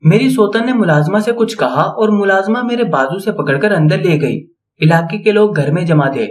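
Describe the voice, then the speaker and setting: A man's voice: high voice, expressive. A man reading a woman's first-person story aloud, in a solemn, mournful tone. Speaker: narrator.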